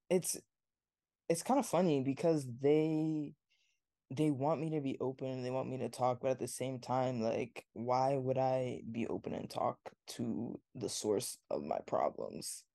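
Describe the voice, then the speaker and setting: A young woman from Ghana talks as a podcast guest in a mellow, dark-toned voice. She sounds laid-back and a little wry. The recording is close and dry. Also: extremely low pitch, measured pace, vocal fry, dry recording. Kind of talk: casual podcast chat.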